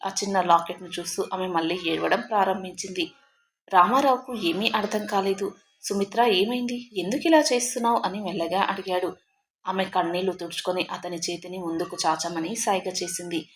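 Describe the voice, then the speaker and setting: Calm woman narrating an emotional story. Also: fairly low pitch, a little fast, slight background noise.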